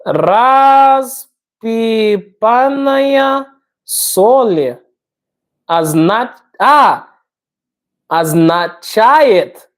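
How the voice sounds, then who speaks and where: A woman live-streamer, a native English speaker with an English-speaking accent in Russian, chats casually and playfully with viewers, sounding out Russian words haltingly and slipping into English. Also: fairly low pitch, darkish tone. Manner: playful, self-deprecating.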